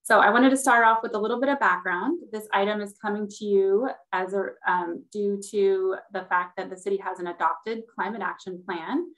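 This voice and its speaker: A woman talking over a group video call, her voice sitting at a middle pitch. She presents a staff report for a public meeting, steady and explanatory as she walks through her slides. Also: moderate pace, hardly any pauses, low-quality recording. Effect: heard over a group video call. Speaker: city sustainability manager.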